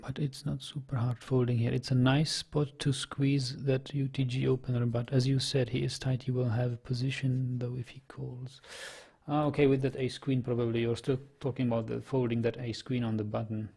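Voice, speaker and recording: A young Czech man, a native speaker with a Czech accent, thinks aloud while commentating his online poker and reading chat, hesitant and full of fillers. His medium-pitched voice is level, moderately paced, creaky, darkish and husky. It's casual commentary as he plays.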